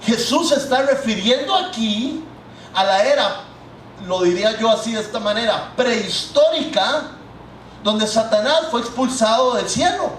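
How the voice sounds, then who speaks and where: A man's voice: very high-pitched, lively intonation, measured pace, a bit bright, distant mic, a little hiss or hum. A man, preaching a sermon and talking directly to the congregation. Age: 30s. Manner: conversational, addresses the congregation directly. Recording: echoey hall, mic set back.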